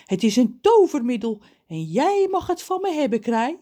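A woman voicing a cheerful, scheming male pirate cook with a high, chirpy voice in a read-aloud story. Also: big pitch swings, moderate pace, warm tone. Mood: sly.

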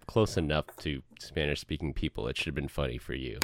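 A man's voice: very deep voice, a little fast, noisy background. A man telling jokes and bantering casually as a podcast co-host.

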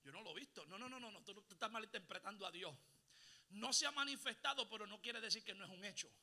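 A man preaching a Pentecostal sermon, calling on the congregation to repeat after him, mixing in English exclamations and building to shouts. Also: high-pitched, fast talker, a little hiss or hum. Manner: call-and-response preaching, rising to shouts. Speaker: pastor.

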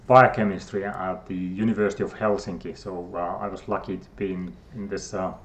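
In casual interview talk, a middle-aged scientist from Finland appears as a guest, speaking with a Finnish accent and hesitating through many fillers and restarts. He has a low-pitched voice, a level tone and a brisk pace, with a little hiss or hum in the recording.

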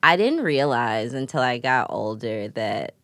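A woman's voice: a bass voice, expressive, unhurried, a bit bright, dry recording. A woman in her late twenties from Chicago, chatting casually as a guest, with frequent laughs, swearing and fillers. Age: 20s. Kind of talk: casual chat.

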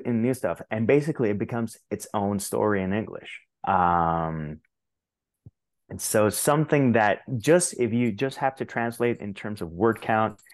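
A Puerto Rican man with a Puerto Rican accent and a fairly low voice guests on a podcast interview, recorded with no room sound. A translator and author, he tells stories animatedly and often restarts his sentences in a conversational exchange.

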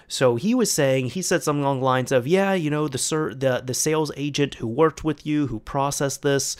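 A man casually telling a long story about a bad car repair, often restarting words and quoting both sides of a phone call. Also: medium pitch. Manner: rambling, repeats words, quotes people in a conversational retelling.

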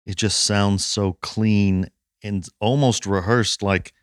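A man's voice: on the low side, fairly even intonation, takes it slowly, dry recording, studio quality. An American man hosting a podcast, chatting casually with a self-deprecating, easy laugh and some swearing. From United States. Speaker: podcast host.

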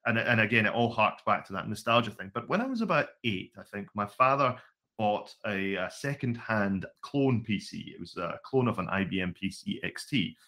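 Surrounded by vintage computers in a room at home, a Scottish co-host in his forties chats casually on his podcast. His low-ish voice is animated and sharp at a normal speed, and his storytelling is wry and self-deprecating.

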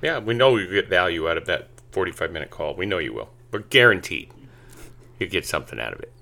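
A man's voice: deep voice, expressive, quick pace, creaky, sharp tone. A man co-hosting a casual podcast as a family coach, easygoing and plainspoken with a joking streak.

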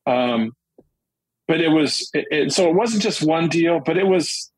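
Rambling husky-voiced man telling deal stories. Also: fairly high pitch, lively intonation, measured pace, no echo, poor audio. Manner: rambling, with many restarts and fillers. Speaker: guest, commercial real estate dealmaker. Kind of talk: casual interview storytelling.

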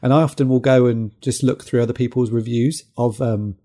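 Podcast co-host dude, mellow gravelly voice, rambles a bit, easygoing film chat. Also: male voice, mid-range voice, steady tone, brisk. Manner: rambling, agreeable, repeats "yeah" and "kind of". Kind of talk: casual film discussion.

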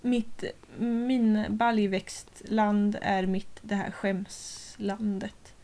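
A woman in her thirties chatting casually as a podcast co-host, animated, laughing often and swearing freely. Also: medium pitch. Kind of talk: casual chat.

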